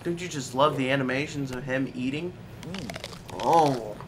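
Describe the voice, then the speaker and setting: A man's voice: medium pitch, moderate pace, noisy background. A man giving casual, sarcastic commentary while playing a video game, complaining about it as he goes. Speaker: let's play gamer.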